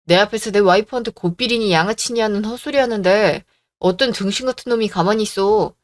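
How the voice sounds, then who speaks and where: A man's voice: high voice, brisk, natural voice. A performer voicing an angry older brother who scolds his sister to defend his wife, in a radio drama. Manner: stern, scolding.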